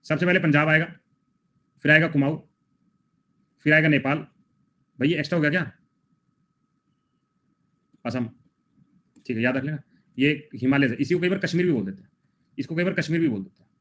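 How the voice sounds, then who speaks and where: A man's voice: a little high, a little fast, pauses often, sharp tone. A young man teaching a live online class in a casual, chatty way, joking with students between quiz questions. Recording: dull lo-fi sound.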